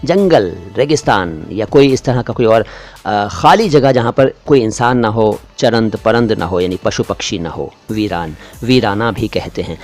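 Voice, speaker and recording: A middle-aged man giving a pronunciation lesson as a language teacher, explaining words slowly and carefully one at a time. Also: on the low side, darkish tone, soft background music. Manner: slow, careful word-by-word explanation.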